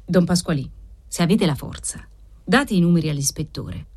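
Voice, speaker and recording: A man's voice: a little high, animated, normal speed, a little mellow, slightly rough. A woman voicing a scheming moneylender who talks in a mocking, laughing tone. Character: jeering, scheming moneylender, a grinning man.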